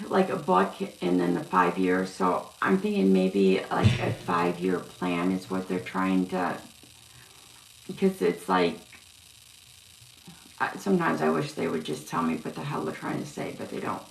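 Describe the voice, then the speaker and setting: A woman giving a casual psychic reading on a live stream, talking haltingly with many fillers and restarts. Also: fairly low pitch, lively intonation, creaky. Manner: halting, filler-heavy, yawning. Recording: echoey room with faint noise.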